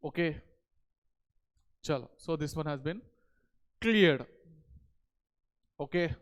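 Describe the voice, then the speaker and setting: A man with an Indian accent teaches a class in a high, smooth voice. He lectures step by step and keeps checking in with short questions. The sound is clean, spoken into a headset mic. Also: expressive, slow pace. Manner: repeated check questions and tag words. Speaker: physics teacher. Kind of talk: board lecture to exam students. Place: indoor teaching studio at a digital board.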